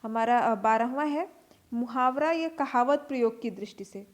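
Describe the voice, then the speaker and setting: A woman's voice: a little high, normal speed. Woman teaching in a step-by-step lecture. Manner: explains step by step, repeats terms, frequent "ठीक है" and fillers. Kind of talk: classroom lecture.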